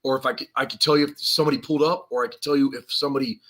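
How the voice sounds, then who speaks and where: A man's voice: mid-range voice, steady tone, rapid-fire, fairly bright tone. A man co-hosting a live survival podcast, telling stories in a rambling, slangy way and laughing as he goes. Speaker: podcast co-host. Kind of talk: casual live-stream chat.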